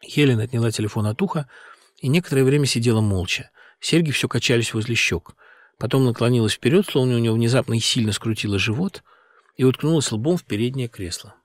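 A man reading a novel aloud as an audiobook narrator in an expressive, ironic storytelling manner on a close mic. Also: medium pitch, no echo. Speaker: audiobook reader. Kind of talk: scripted narration.

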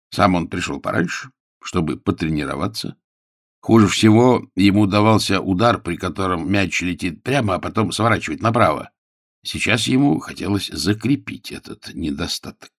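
A man narrating an audiobook in a wry, expressive storytelling manner, recorded close and dry. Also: sits low, no room sound. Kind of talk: scripted narration.

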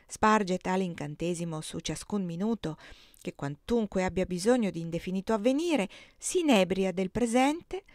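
A woman reading a classic novel aloud, measured and literary. Her voice is mid-pitched and the recording is dry and close. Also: animated, a little mellow, no room sound. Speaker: reader.

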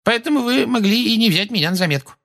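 A man's voice: very high voice, animated, fast, fairly bright tone, pitched above the performer's own voice, heavily acted. A man voicing a frightened elderly woman neighbor who speaks in a trembling, timid way in an audiobook.

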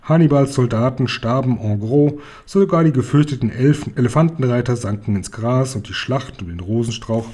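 A man reading a children's novel aloud in a relaxed way, with small slips and his own asides. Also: medium pitch, moderate pace, few pauses. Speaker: reader of a children's book.

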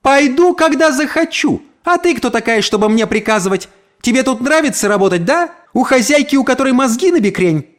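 A man's voice: extremely high pitch, moderate pace, few pauses, a bit bright, voice pushed up. A man voicing a brash, crude neighbor woman with a mocking tone.

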